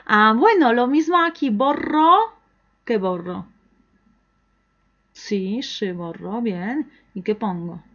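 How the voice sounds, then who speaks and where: A woman teaching an online language lesson, who talks slowly and patiently and waits for the learner to answer. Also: on the high side, expressive, fairly bright tone. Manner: slow, patient, encouraging, with pauses for the learner to answer. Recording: dull, lo-fi recording.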